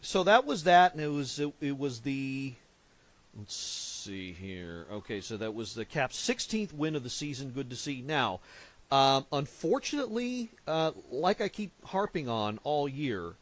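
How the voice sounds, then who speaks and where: A man co-hosting a casual sports podcast, talking in halting bursts with lots of fillers and restarts. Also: on the high side, big pitch swings. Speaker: podcast co-host. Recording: dull lo-fi podcast audio.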